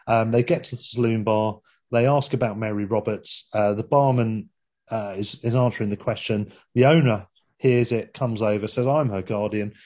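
A man's voice: on the low side, steady tone, normal speed, a little mellow. A man in a casual film discussion, telling the plot in a rambling way with many fillers. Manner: rambling, with frequent fillers and laughs.

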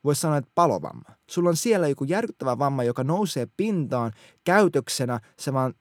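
Male teacher, casual faith talk, earnest and colloquial, lively pitch, dry close sound. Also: no echo. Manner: animated, colloquial, earnest, many restarts.

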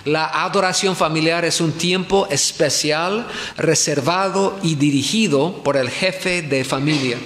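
A man's voice: fairly high pitch, a little slow, a bit bright. A man preaching at a pastors' conference, asking his listeners questions and repeating his key points. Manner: asks the audience questions and repeats himself. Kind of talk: conference sermon. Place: church hall in Ecuador. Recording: echoey hall.

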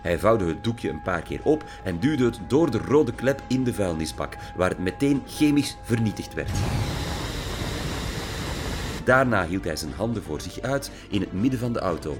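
A man narrates an audiobook in a very low voice, animated and expressive. He leans into the drama of the story with wide swings of tone. Music plays steadily behind him. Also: moderate pace. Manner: vivid, theatrical storytelling. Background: background music.

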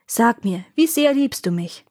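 A woman reading an old, tired king who turns proud and quick to anger, speaking slowly and solemnly. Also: on the high side, animated, darkish tone, no echo, studio quality.

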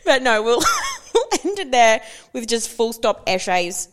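A woman's voice: a little high, big pitch swings, slow, faint music behind. A young Australian woman co-hosting a podcast in casual comedic chat, with slangy, crude, self-mocking talk. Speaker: podcast co-host.

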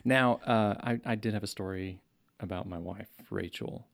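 A man with a very low, gravelly voice chats casually as co-host of a talk show. He tells stories in a rambling way and trips over his words as he restarts sentences. He sounds middle-aged. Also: moderate pace. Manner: rambling storyteller with stammered restarts. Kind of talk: casual chat.

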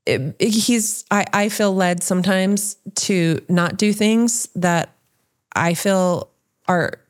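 A woman's voice: medium pitch, takes it slowly. A woman hosting a casual podcast discussion, talking in a reflective way and asking the others questions.

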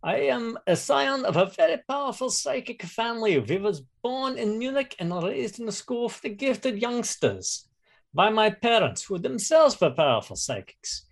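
A man's voice: extremely high pitch, big pitch swings, normal speed, creaky, pitched above the performer's own voice, exaggerated voice. A formal young psychic, played by a man who speaks stiff English with a German flavor. He makes his claims about himself with proud solemnity. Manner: formal, slightly broken English. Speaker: tabletop player.

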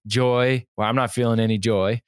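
A man's voice: medium pitch, normal speed, dry recording. A man talking on a faith podcast, his voice climbing as he quotes hymns and Scripture. He is a coach to other pastors and talks in a loose, conversational way. The sound is dry and close, with no room in it. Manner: animated, quotes hymns and Scripture with rising emphasis.

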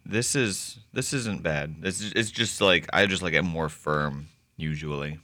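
Bright-toned, low-voiced male co-host. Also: measured pace, dry recording. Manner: fussy, particular, hesitant talk. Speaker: radio co-host. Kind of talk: casual morning radio banter.

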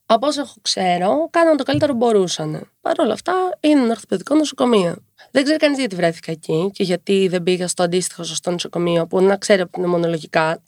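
A woman in her twenties, a podcast guest who talks quickly and tells her story with wry humor. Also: lowish voice, dry recording, clean studio sound. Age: 20s. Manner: fast-talking, lively storytelling with wry humor. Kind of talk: casual conversational interview.

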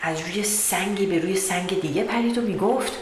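A woman storyteller reading a children's tale in calm, measured narration. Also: mid-range voice. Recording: roomy echo with background noise.

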